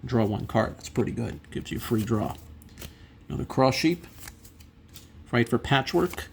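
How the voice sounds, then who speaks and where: A man's voice: mid-range voice, big pitch swings, normal speed, gravelly, a little hiss or hum. A man giving casual commentary on a card pack opening, reading out names and effects and adding brief reactions. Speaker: trading card collector presenting a box opening.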